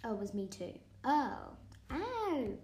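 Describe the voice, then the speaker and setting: A chatty young woman talks through her guesses out loud and now and then slips into a whisper. Her voice sits a little high with a mellow tone, and an echoey room surrounds it. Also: sing-song, takes it slowly, slight background noise. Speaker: student. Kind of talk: casual vlog, quizzing herself on vocabulary.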